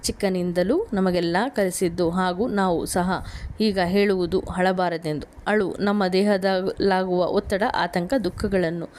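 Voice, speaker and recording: Woman psychologist talking thru a topic, steady careful reading, trips on a word now and then. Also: fairly low pitch. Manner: measured, reads carefully, with small restarts. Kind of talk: informative talk.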